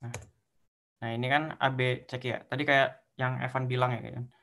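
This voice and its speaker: A man's voice: medium pitch, flat delivery, normal speed, gravelly, fairly bright tone. A young man teaching assistant explaining code step by step in an online tutorial. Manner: explains step by step, counting through indexes.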